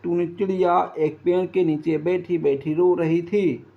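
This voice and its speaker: A man narrating a cartoon story in a steady, unhurried way. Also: high voice, creaky. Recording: dull lo-fi.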